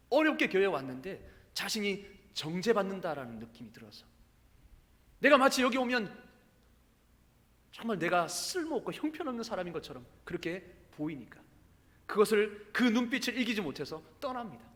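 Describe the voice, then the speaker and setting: A man's voice: high-pitched, big pitch swings, normal speed. A man preaching a sermon as pastor, telling a story and building to fervent exhortation. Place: church sanctuary. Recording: church hall reverb.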